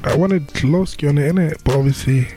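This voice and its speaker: A young man with a London roadman accent chatting casually as an interview guest, slangy, halting and repeating himself. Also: fairly high pitch, mellow, soft background music. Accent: London, urban street slang. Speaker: rapper, podcast guest.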